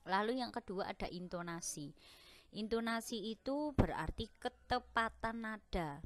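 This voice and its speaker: A woman's voice: medium pitch, unhurried. A young woman, a primary school teacher, patiently explaining a lesson to children in an online class.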